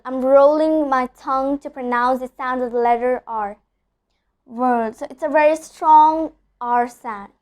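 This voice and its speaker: A woman's voice: sits high, smooth. A young woman teaching English pronunciation in an online lesson, patiently repeating example words and checking in with "okay?".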